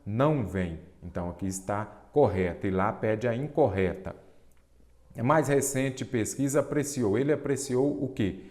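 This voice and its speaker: A man's voice: mid-range voice, animated, normal speed, a little mellow. A man teaching a Portuguese grammar lesson for exam preparation, explaining rules step by step and asking rhetorical questions. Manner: explanatory, asks rhetorical questions, stresses key terms. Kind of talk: exam-prep lesson at a board.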